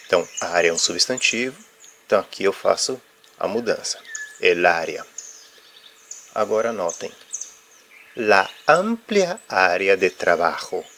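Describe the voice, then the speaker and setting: Slow, low-voiced man teaching grammar. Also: a bit bright, slight background noise. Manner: explanatory, checks in with "ok?"; uses filler "ah" while explaining. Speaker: Spanish teacher. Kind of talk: explaining grammar lesson.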